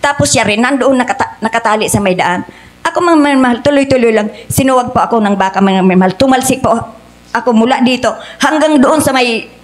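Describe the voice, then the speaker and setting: Earnest middle-aged woman giving church testimony. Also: fairly high pitch. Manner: earnest, addresses the congregation as "mga minamahal" again and again.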